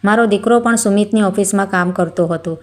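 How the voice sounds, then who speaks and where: Woman reading as a kind older widowed housekeeper, soft and reassuring, medium pitch, storybook tale. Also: brisk, natural voice. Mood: sad.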